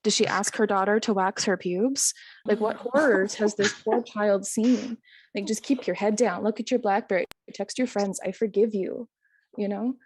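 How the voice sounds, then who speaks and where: A woman's voice: medium pitch, fairly even intonation, normal speed, darkish tone, slight background noise. A woman telling a long comic story in a stand-up set, chatty and self-amused, with frequent ums and little chuckles. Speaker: stand-up comedian.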